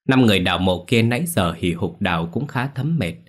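A man telling a ghost story in a steady, measured scripted narration. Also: fairly low pitch.

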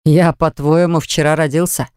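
A reader voicing a jealous, hot-tempered man who growls and hisses his words, lower than the narration, in an audiobook. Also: little pitch movement, moderate pace, darkish tone, smooth, dry recording, clean studio sound, natural voice. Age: adult. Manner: growling, hissing through teeth. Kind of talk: audiobook acting.

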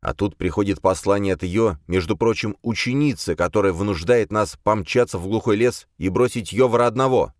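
A man reading an audiobook and voicing a tense young sorcerer who leads his group, speaking in a gruff, clipped, irritable way. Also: fairly low pitch, fairly quick, hardly any pauses, no echo, studio quality, pitched above the performer's own voice, close to an everyday voice. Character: young male sorcerer, tense and defensive leader.

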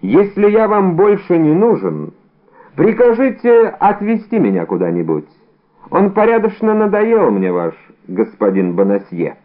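A man voicing a calm, dry and mocking musketeer of around thirty, heard over a tinny phone-like sound. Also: high-pitched, unhurried, voice pushed up, full character voice. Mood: calm ironic. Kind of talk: audiobook character reading.

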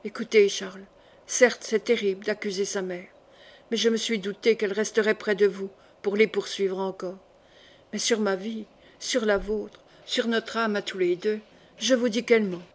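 A woman reading aloud, voicing a distraught young princess who speaks low and urgently. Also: fairly even intonation, moderate pace, lightly acted. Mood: pleading. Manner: urgent, hushed.

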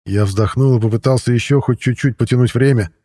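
A man narrating a first-person audiobook in an even, steady storytelling voice. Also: mid-range voice, fairly quick, slightly rough, no room sound, studio quality.

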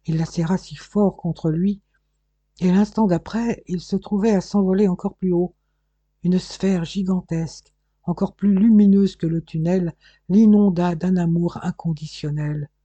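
Man reading an audiobook, dark mellow husky voice, measured, dry close mic. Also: high-pitched, steady tone, dry recording, highs cut off. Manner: measured storytelling. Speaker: audiobook narrator. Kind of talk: scripted narration.

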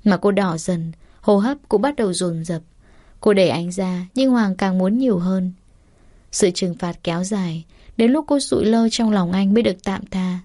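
A woman narrates a romance audiobook in a steady, even manner. Her voice is mellow and warm rather than bright. The recording is dry and close to the mic. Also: mid-range voice, normal speed, no echo. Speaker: story narrator.

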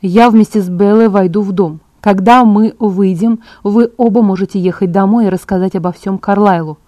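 A woman's voice: medium pitch, steady tone, moderate pace, warm tone, dry recording, natural voice. A woman reading an audiobook, voicing a protective young male vampire who gives firm orders. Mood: planning.

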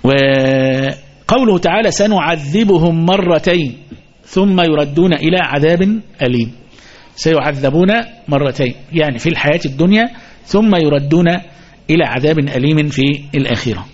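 A man's voice: a little high, lo-fi sound. A man with an Egyptian accent giving a mosque lesson, asking the listeners questions and repeating his key points. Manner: asks the audience questions and repeats key phrases. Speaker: sheikh teaching hadith commentary.

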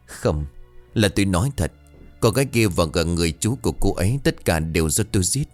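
Man reading as a shaky guilty dad begging and confessing, lively up and down, soft music behind. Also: deep voice, a little fast. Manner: stammering, pleading. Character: guilt-ridden middle-aged father, trembling and sobbing.

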